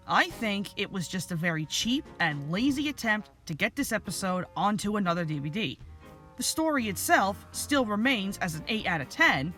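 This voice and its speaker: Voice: mid-range voice, fairly bright tone. A reviewer giving opinionated scripted commentary.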